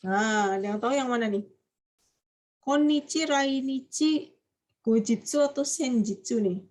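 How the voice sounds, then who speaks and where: A woman's voice: a little high, a little slow, darkish tone. A woman teaching a Japanese vocabulary class online, chatty and quizzing her students. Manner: chatty, quizzing students, frequent light laughs.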